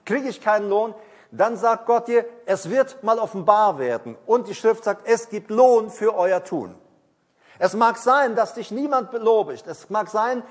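A man preaching a sermon, emphatic and repeating key phrases, slowing down when he reads scripture aloud. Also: high-pitched, animated, long reverb tail. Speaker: pastor.

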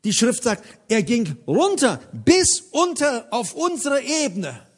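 A man preaches with a high, lively voice that climbs and drops across a wide range. He drives his points home with emphasis and repeats key phrases for weight. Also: slow pace, breathy edge. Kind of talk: sermon.

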